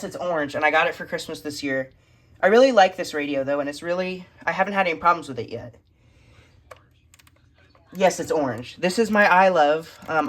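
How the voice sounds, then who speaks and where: With a fairly bright, medium-pitched voice and a little hiss or hum on the recording, a hobbyist collector narrates a radio collection. Items come up one by one in a casual, halting list, filmed on a handheld phone from behind the camera in an indoor room full of electronics shelves.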